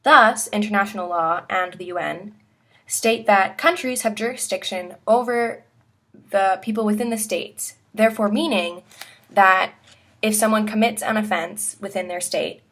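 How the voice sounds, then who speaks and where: Casting: female host, medium-pitched voice, reading a scripted argument in formal, emphatic phrasing. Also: fairly bright tone. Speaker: host of a talk segment. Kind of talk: scripted opinion monologue.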